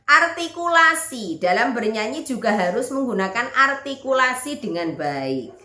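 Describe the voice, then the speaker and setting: A woman's voice: on the high side, lively intonation, normal speed, pushed and bright. A woman music teacher giving an online lesson, explaining step by step and checking that students follow. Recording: echoey room.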